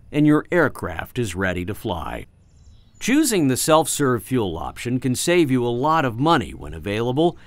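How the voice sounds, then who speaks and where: A man reading a scripted flight-training voice-over in a clear, instructive, measured way. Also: medium pitch, no echo.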